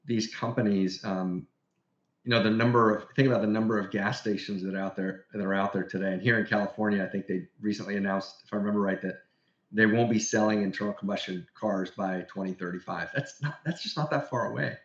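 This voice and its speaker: A man's voice: lowish voice, fairly even intonation, fairly quick. A man guesting on a casual podcast interview, explaining with enthusiasm. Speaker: guest industry executive. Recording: roomy, dull podcast audio.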